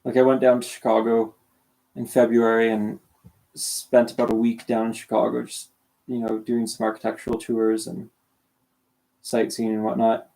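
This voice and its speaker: The audio quality is poor as this young Canadian streamer, in his late teens, drones in a monotone at a moderate pace. His medium-pitched voice is gravelly and mellow; sore-throated and half asleep, he rambles, corrects himself, restarts and makes fun of himself.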